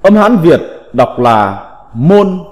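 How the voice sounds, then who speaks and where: A man teaching a slow recited vocabulary lesson, reading in a deliberate, measured way with drawn-out syllables. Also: on the high side, sing-song, darkish tone. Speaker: teacher of classical characters. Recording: long reverb.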